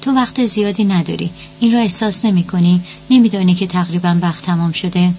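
A woman's voice: on the low side, fairly even intonation, dark tone, slight background noise, close to an everyday voice. A woman voicing a brash, scornful ghost of a dead ex-wife in an audiobook. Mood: cold. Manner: scornful, blunt, demanding. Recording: dull lo-fi audio.

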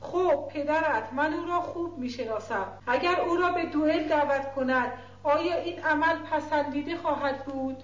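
A woman's voice: high voice, reverberant, lo-fi sound, natural voice. A woman reading the part of a stern older woman guardian with a harsh, scolding manner. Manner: scolding, commanding.

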